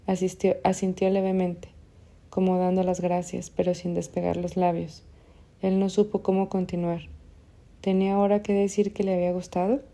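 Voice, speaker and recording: A woman reading literary fiction aloud as an audiobook narrator, in a measured, even way. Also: mid-range voice.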